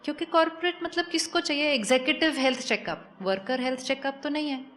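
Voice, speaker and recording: A woman giving a calm, persuasive spiritual talk to a live audience, often asking questions and mixing in English phrases. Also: sits high, fast talker. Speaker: spiritual speaker.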